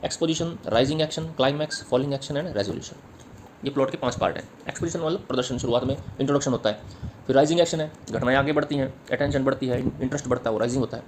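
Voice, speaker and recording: A man's voice: medium pitch, racing, slight background noise. A man teaching literature in an exam-prep lecture. He explains step by step, repeats key points and taps out rhythms aloud. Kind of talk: exam-prep lecture mixing Hindi and English.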